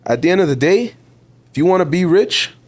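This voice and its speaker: His voice sits high, animated and brisk: a podcast guest in his twenties from Ontario, Canada, with a Toronto accent. In casual interview talk he's emphatic and motivational, repeating words for stress and calling the host bro.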